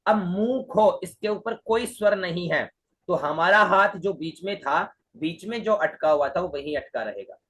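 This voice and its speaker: An Indian man with a high voice teaches Vedic chanting at an unhurried pace. He patiently breaks words into syllables and repeats each phrase again and again for students to copy. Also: lively intonation, fairly bright tone, slight background noise. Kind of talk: teaching Sanskrit mantra recitation.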